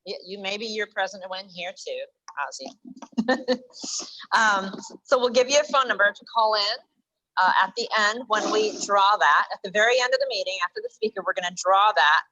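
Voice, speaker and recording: A woman making chatty club meeting announcements and reading numbers out slowly. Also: medium pitch, expressive, sharp tone, low-quality recording. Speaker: meeting organizer.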